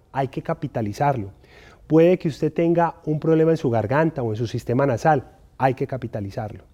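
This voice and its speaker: A man delivers a recorded lesson in a mellow, warm voice, measured and full of small fillers as he thinks aloud. He speaks directly to the listener with practical advice. The audio is dull and lo-fi. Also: fairly high pitch. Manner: measured, with frequent "eh" and "digamos". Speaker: instructor. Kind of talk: recorded lecture.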